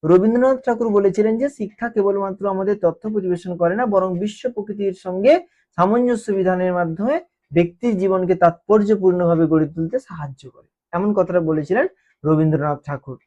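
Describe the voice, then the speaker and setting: A woman teaches an exam-prep lesson in a mellow, darkish voice. She repeats key terms and keeps checking in with the class by asking whether they follow. The recording is dull and muffled, like lo-fi audio. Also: medium pitch, quick pace.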